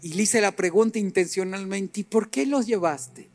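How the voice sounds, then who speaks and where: A middle-aged man preaching a sermon, animated and rising to emphatic peaks as he acts out little scenes. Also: high-pitched, moderate pace, faint music behind.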